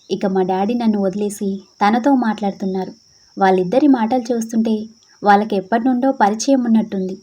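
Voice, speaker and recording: A woman narrating a dramatic story in a lively, expressive way. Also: mid-range voice.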